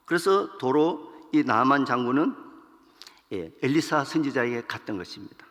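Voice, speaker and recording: A male pastor preaching in an animated, storytelling way and acting out the characters' lines. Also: medium pitch, normal speed, long reverb tail. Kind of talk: storytelling sermon.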